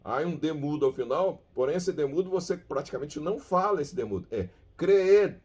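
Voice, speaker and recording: A man giving a language lesson who speaks slowly, repeats words and sounds them out, checking in often with his listeners. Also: a little high, lively intonation, husky. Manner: keeps checking in with "ok?". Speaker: language teacher. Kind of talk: bilingual Bible-verse language lesson.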